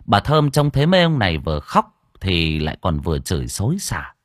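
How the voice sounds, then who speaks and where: A man narrating an audio story with expressive storytelling on a close mic. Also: low voice, fairly quick, no room sound.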